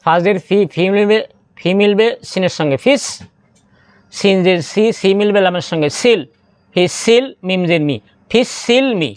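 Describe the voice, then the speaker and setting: A man teaching Quran reading, slowly spelling out Arabic syllables in step-by-step drills and drawing out recited words. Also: sits high, clean tone, dry recording.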